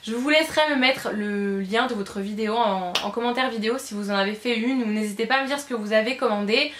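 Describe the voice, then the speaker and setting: A woman's voice: on the high side, quick pace, background noise. Gushing woman vlogger in an echoey room. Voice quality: gushing, repeats words for emphasis, frequent hesitations. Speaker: beauty vlogger. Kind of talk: casual haul video chat.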